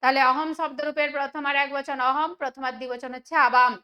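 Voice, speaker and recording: A woman's voice: high voice, fairly even intonation, pushed and bright. A woman teacher working through exam questions step by step, asking questions and then answering them herself. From West Bengal, India. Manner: asks questions then answers them, slowing to read examples. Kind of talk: exam solution lesson.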